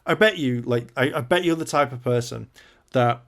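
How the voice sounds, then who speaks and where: A man's voice: mid-range voice, moderate pace, a bit bright. A man reading an article aloud and reacting with outraged, sarcastic swearing. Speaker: reaction video host.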